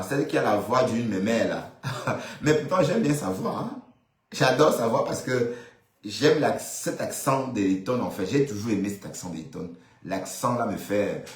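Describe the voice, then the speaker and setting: Casting: low-voiced male commentator, teasing gossip chat, echoey room. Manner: gossipy, teasing, addresses viewers and subjects directly. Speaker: social media commentator. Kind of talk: casual live commentary.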